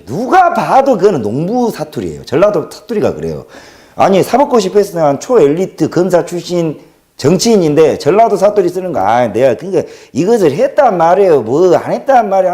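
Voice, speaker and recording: A livestream host in his thirties from South Korea's Jeolla region talks alone in a casual monologue with a Jeolla accent. He jokes and rambles animatedly, his pitch jumping constantly, swinging between loud bursts and near mutters in a mellow, dark voice.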